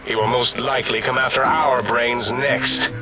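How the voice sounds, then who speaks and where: An actor playing a pompous, domineering brain-in-a-machine scientist in a video game, declaiming in an imperious, theatrical way. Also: male voice, mid-range voice, steady tone, moderate pace, a loud crowd, lightly acted, rough recording. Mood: urgent, imperious. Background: loud music.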